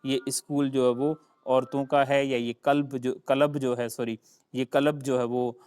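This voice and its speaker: Unhurried and level, with a smooth, slightly mellow mid-range voice, this English teacher from Sindh, Pakistan, who speaks Sindhi, delivers a grammar lecture. He repeats words, spells them letter by letter, and calls his pupils "beta."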